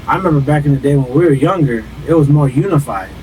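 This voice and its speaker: A man's voice: fairly high pitch, quick pace, darkish tone, slight background noise, low-quality recording. Chatty man in his thirties hosting. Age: 30s. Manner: friendly, rambling questions, calls guests "bro". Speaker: podcast host. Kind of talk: casual podcast interview.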